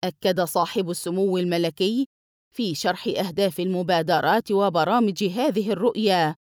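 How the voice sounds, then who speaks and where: A woman reading a nonfiction book aloud, going through table entries in a measured, list-like way. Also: on the low side, dry recording, clean studio sound.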